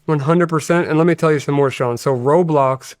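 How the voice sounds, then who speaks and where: A man speaks as an interview guest, earnest and explanatory, often stopping to restart a thought. His voice sits a little higher than most men's. The sound is close and dry, with no room echo. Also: a little fast. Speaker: guest, hacker. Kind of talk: interview conversation. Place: studio.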